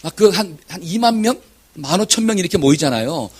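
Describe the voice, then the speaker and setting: A man's voice: high voice, brisk, husky. A man preaching a Sunday sermon to his congregation. He often asks them questions and guides them through reading scripture aloud. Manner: lively, animated delivery with shouted examples. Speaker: pastor. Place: church sanctuary.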